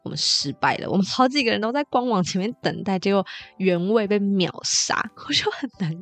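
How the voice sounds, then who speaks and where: A woman's voice: medium pitch, lively intonation, fairly quick, soft background music. A young woman with a Taiwanese Mandarin accent, hosting a podcast and telling a story in a chatty, playful, exaggerated way. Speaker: podcast host.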